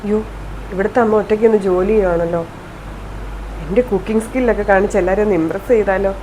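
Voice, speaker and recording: A woman's voice: mid-range voice, fairly even intonation, quick pace, mellow, a little hiss or hum, close to an everyday voice, low-quality recording. A woman playing an eager young new bride who talks in a bubbly, insistent way.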